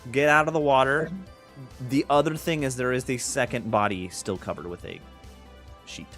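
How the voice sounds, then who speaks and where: A man's voice: mid-range voice, fairly even intonation, moderate pace, fairly bright tone. A man casually narrating a live tabletop role-playing game as the game master. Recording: music behind the voice.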